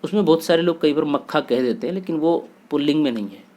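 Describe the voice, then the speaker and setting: A man's voice: fairly high pitch, fast talker, mellow. A man teaching a grammar lesson for exam students, steadily listing word pairs and asking and answering his own questions.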